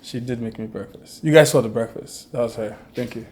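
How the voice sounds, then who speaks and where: Young male vlogger, tired, rambling chatty delivery, mid-pitched, faint background noise. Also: a little fast, darkish tone. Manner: chatty, storytelling, frequent "like". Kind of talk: casual vlog chat to camera.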